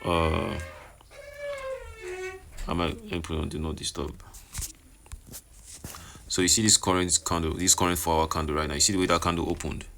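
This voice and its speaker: A man's voice: deep voice, flat delivery, moderate pace, vocal fry, long pauses, pushed and bright. A man giving casual trading commentary, repeating his phrases and checking that the listener follows. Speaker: trading vlogger. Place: on location, partly in a noisy hospital. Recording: noisy background, uneven level.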